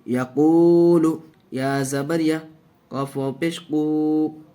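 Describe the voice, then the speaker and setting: Male Quran teacher for a reading lesson; clear resonant voice, steady unhurried drilling of syllables. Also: medium pitch. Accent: Indian Urdu-Hindi. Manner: slow, deliberate syllable-by-syllable drilling, even tone. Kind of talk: spelling-out Quran recitation lesson.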